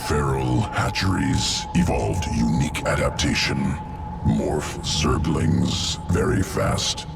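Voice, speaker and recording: Gravelly, extremely deep alien geneticist. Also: male voice, takes it slowly, heavily acted. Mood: clinical, detached. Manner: clipped telegraphic phrasing, deadpan and clinical. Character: cold, calculating alien geneticist creature serving a swarm. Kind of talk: scripted video game character dialogue. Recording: music behind the voice.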